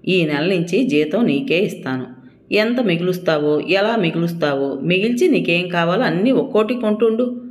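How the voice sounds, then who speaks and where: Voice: mid-range voice, lively intonation, normal speed, lightly acted. Narrator doing a teasing young husband. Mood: reasoning. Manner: coaxing, joking.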